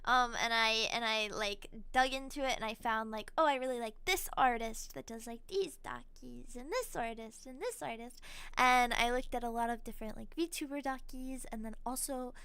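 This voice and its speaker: A woman streaming as a VTuber, chatting casually while gaming, excitable and rambling with frequent giggles. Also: a little high, moderate pace, smooth, no room sound.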